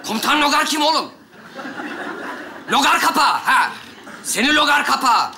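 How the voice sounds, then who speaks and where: Very bright, brash man. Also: extremely high pitch, expressive, normal speed, gravelly, slight background noise. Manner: brash, threatening. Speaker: teacher in a comedy sketch. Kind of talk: stage sketch comedy.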